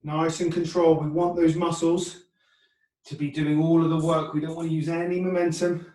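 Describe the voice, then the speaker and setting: Man, fitness instructor, fairly high voice, clipped cues and rep counts, encouraging, distant mic, roomy echo. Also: little pitch movement, moderate pace, mellow. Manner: short clipped commands, encouraging check-ins. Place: indoor room, heard from a distance. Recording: echoey room, far from mic.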